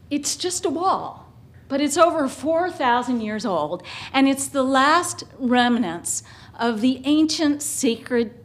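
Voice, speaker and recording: A woman telling a personal story on stage with a dramatic, vivid and emotive delivery. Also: on the high side.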